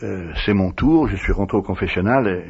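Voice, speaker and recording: In an interview, a priest recounts old memories and acts out the dialogue as he goes, retelling them in a lively way. His voice is fairly low and breathy-edged, and he talks fairly quickly. The radio recording is dull and lo-fi.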